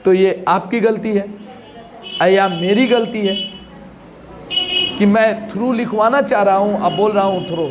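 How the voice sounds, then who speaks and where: A man with a high voice leads an exam-prep lesson. He explains each point by asking questions and giving everyday examples. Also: slow, long pauses, background noise. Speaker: teacher.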